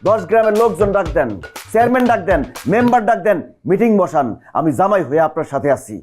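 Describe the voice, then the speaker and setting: Man playing a bossy son-in-law, fast, high, music behind. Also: lively intonation, a little mellow. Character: bossy young son-in-law, village watchman. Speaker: actor. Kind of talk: village comedy skit acting.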